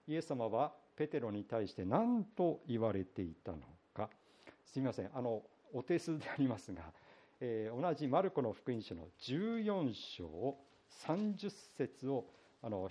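Husky-voiced man preaching a folksy sermon. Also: mid-range voice. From Iwate, Japan. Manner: relaxed, folksy storytelling with frequent hesitations. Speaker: pastor. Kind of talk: conversational sermon.

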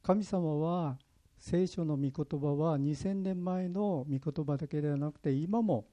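Pastor guy from kyushu giving a sermon, kinda high voice, super mellow, earnest storytelling. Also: measured pace. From Kyushu, Japan.

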